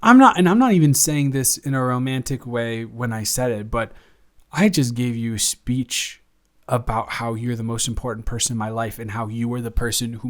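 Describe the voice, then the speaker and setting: In an intimate, improvised audio roleplay, a young man plays a devoted, flustered roommate, talking in a halting, rambling, affectionate and teasing manner. His natural voice sits in the mid range, and his mood moves from incredulous and teasing to earnest and affectionate.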